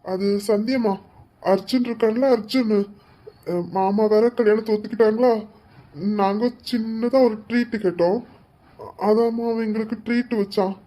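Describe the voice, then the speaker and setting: A woman's voice: a little high, steady tone, moderate pace, pauses often, mellow, natural voice. A woman playing an apologetic young husband in a comic couple skit, coaxing and begging forgiveness, sometimes turning irritated.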